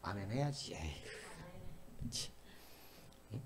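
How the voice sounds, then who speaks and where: A middle-aged man preaching a sermon as pastor, animated and talking back and forth with his congregation, swinging between loud calls and hushed asides. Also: fairly low pitch, slow. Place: church sanctuary.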